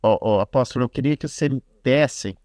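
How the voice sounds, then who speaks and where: A Brazilian man hosting a podcast, chatting in a relaxed way and sharing his own story. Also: mid-range voice, a little fast. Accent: Brazilian Portuguese. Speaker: podcast host. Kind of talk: casual interview chat.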